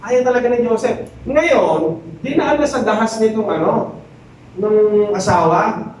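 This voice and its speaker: High-voiced joking pastor in echoey hall. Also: male voice, unhurried. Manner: animated, joking storyteller acting out quotes. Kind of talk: sermon storytelling. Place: church hall. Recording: very echoey hall, distant mic.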